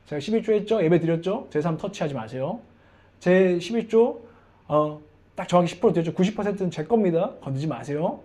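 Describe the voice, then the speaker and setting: A man's voice: high-pitched, animated, fairly quick, mellow. A man preaching a sermon in a conversational way, often asking the congregation questions.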